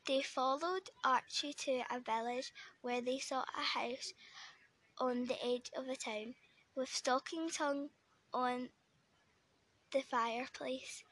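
A woman reading a children's story aloud, gentle and unhurried, with small slips. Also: sits high, steady tone, dry recording.

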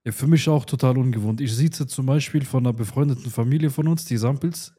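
Lively young man, mellow voice. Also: mid-range voice, quick pace, slightly rough. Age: 20s. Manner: lively, animated storytelling with slangy asides. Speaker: podcast co-host. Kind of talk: casual chat.

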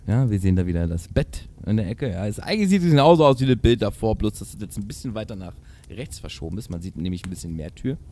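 A man's voice: fairly low pitch, fast talker. A man with a German accent reading a fairy tale aloud, breaking off for sarcastic, mocking commentary. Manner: sarcastic, mocking asides, lively intonation. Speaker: reader. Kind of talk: casual read-aloud with joking commentary.

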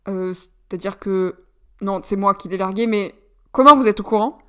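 A woman's voice: mid-range voice, moderate pace, clear, resonant tone, lightly acted. A shy, awkward young man from a storybook, read by a woman. He answers hesitantly, stumbling over his words and sounding flustered.

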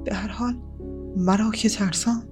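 Calm woman narrating an audiobook. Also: mid-range voice, soft background music. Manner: calm, measured storytelling with slow pauses.

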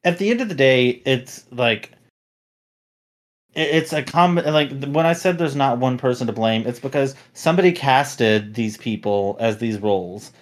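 A man's voice: mid-range voice, normal speed. Man ranting casually about a bad dub. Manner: rambling, critical, self-correcting. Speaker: podcast host. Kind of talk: casual podcast chat.

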